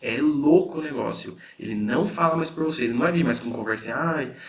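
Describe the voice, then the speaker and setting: A man with a Brazilian Portuguese accent talks through a spiritual lesson in a relaxed, conversational way. His mid-pitched voice has a gravelly edge, and he keeps checking in with his listeners as he explains. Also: quick pace. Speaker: spiritual teacher.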